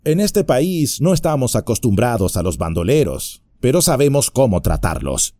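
A man's voice: mid-range voice, sing-song, normal speed, dark tone, no echo, studio quality, voice pushed up. A man voicing a bold, defiant young hobbit in an audiobook. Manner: defiant, cocky.

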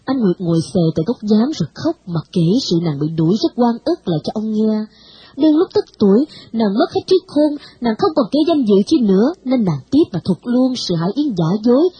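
A woman narrating a novel in an expressive storytelling style. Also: mid-range voice, slightly rough, no echo, dull audio.

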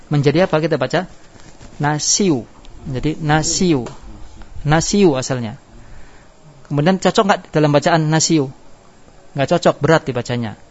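Slightly high and darkish in tone, this male teacher's voice guides a grammar lesson one step at a time. He puts questions to the class and supplies the answers himself, captured in a dull, lo-fi classroom recording.

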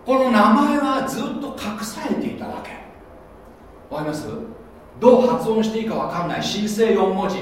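A man preaching a sermon as pastor, animated and often checking that listeners follow along. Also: high-pitched, a little hiss or hum. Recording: echoey hall, voice from a distance.

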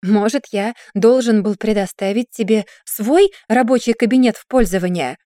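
Bossy young man, scolding, exasperated, loud, dark tone, voiced by a woman narrator. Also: mid-range voice, a little fast, no echo, studio quality, natural voice. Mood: irritated.

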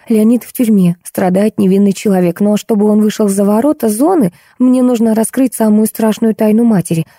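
A woman's voice: mid-range voice, dark tone, no room sound, clean studio sound, lightly acted. A woman reading the part of a timid, anxious young woman who pleads and frets, in an audiobook. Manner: fretful, pleading. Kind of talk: audiobook character voice.

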